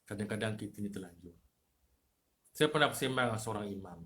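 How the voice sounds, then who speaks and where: Bright-voiced Malaysian preacher man. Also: animated, a little fast. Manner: rhetorical questions to the congregation; swings between loud emphasis and low asides. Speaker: religious teacher. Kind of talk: mosque lecture. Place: mosque.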